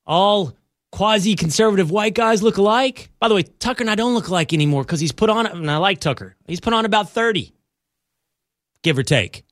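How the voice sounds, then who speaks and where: A male talk show host on sports radio who rants with mock outrage and heavy sarcasm. His voice sits a little high and swings all over the place. The sound is dry and close. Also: no echo. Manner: mocking, animated, with mock-outraged outbursts.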